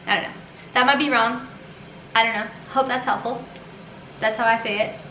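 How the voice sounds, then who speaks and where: A cooking vlogger chats casually while she cooks and tastes food in her home kitchen, filling her talk with lots of "um" and "like." Her voice is a little high, with fairly even intonation and a moderate pace. The sound is roomy, with background noise.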